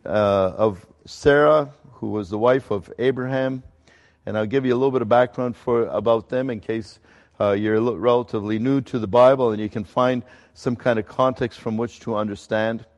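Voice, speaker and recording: Male pastor, middle-aged, from Ecuador, conversational sermon, mid-pitched voice, long hall echo. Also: darkish tone. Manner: conversational, halting with fillers and restarts.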